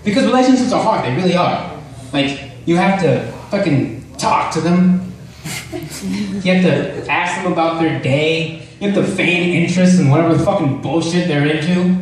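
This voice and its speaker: A young man performs stand-up in a very reverberant room, heard from well back from the microphone. He rambles through his material in a halting, self-deprecating way, swearing casually. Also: on the high side. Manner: profane, casual. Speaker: stand-up comedian. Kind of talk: stand-up comedy routine at an open mic. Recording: very echoey room, distant mic, faint noise.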